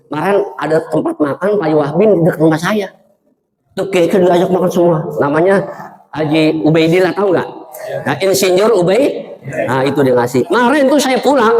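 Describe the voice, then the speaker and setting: A man preaching a dawn sermon, joking with the congregation and swinging between excited high tones and sad low ones. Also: poor audio. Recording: live crowd heard around the voice. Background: crowd.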